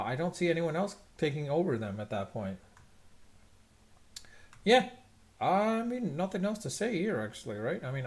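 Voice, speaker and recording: A man's voice: a little high, a little mellow. Rambling man ranting about football. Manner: rambling, restarts sentences, opinionated. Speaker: live stream host. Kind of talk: casual sports rant. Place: at home, checking scores on screen.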